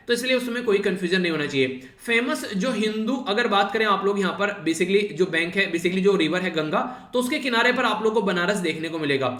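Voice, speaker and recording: A man with a fairly high, bright voice teaches a current affairs lesson for exam students. He talks conversationally, leaning on the same filler words again and again and speaking straight to his students. The room around him is noticeably echoey. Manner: conversational, repeats "ठीक है" and "basically" often; addresses students directly, gives homework.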